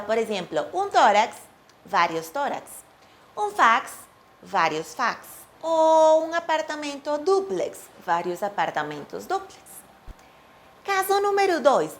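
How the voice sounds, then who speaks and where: Professora de português, fala pausada e expressiva. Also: female voice, a little hiss or hum. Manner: clear, deliberate, says example words slowly with rising and falling pitch. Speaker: Portuguese teacher. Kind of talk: language lesson.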